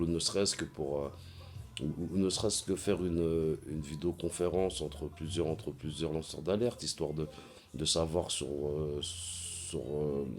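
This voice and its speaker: In a casual vlog monologue, a man often halts, uses fillers, and repeats words while searching for them. His voice rumbles low with a darkish tone.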